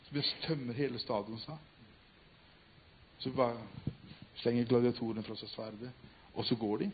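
A man preaching and retelling a story, swinging from loud emphatic cries to hushed, quiet tones. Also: medium pitch, a little hiss or hum. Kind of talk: sermon storytelling. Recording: tinny phone-like sound.

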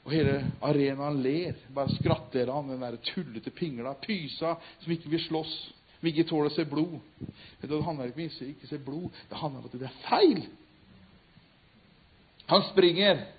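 A man preaching and retelling a story, swinging from loud emphatic cries to hushed, quiet tones. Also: on the high side, a little hiss or hum. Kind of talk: sermon storytelling. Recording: tinny phone-like sound.

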